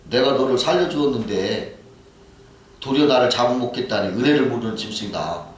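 A man's voice: mid-range voice, a little fast, slight background noise, close to an everyday voice. A man voicing a kind young scholar in a folk tale who talks urgently and pleadingly, heard far off in an echoey hall. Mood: scolding. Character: kindly young male scholar, alarmed and pleading.

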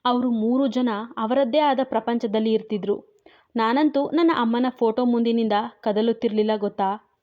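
Audio-story figure: a brooding, grieving young husband, read by a woman, soft and sorrowful, lo-fi. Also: fairly high pitch, moderate pace, close to an everyday voice. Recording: dull lo-fi recording.

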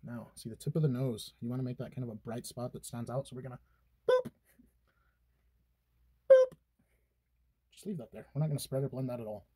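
Mellow-voiced young man, teasing chat. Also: medium pitch, fairly even intonation, racing, hardly any pauses, breathy edge, no room sound. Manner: playful, teasing, narrating his steps. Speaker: boyfriend doing makeup on camera. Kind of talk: casual chat while doing makeup.

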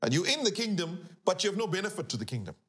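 A middle-aged man, a pastor, teaching scripture on a talk show in an animated, emphatic way, repeating key phrases. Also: sits high, fast talker. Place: living-room studio set, indoors.

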